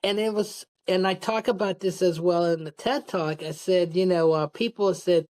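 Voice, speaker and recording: Guesting on an interview, a middle-aged woman who is a podcast guest and public speaker rambles casually and candidly through personal anecdotes. Her voice is on the low side and a little mellow, at a moderate pace.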